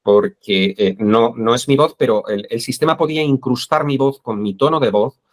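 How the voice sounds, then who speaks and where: A man's voice: medium pitch, normal speed. A man with a Spain Spanish accent, interviewed as an expert guest, who speaks hesitantly with many fillers. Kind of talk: interview conversation.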